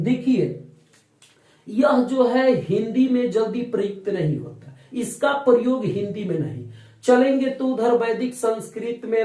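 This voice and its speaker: A male teacher giving a lecture, drawing out sounds slowly for his students and answering his own questions. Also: sits high, dark tone, reverberant, poor audio. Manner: slow, drawn-out explanation, stretching out sounds for learners; asks the class questions and answers them himself. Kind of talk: classroom lecture.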